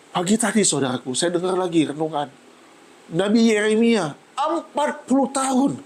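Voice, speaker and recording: A man preaching a heartfelt church sermon, his voice climbing high when he is moved and sounding tearful. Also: breathy edge, low-quality recording. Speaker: pastor. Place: church service.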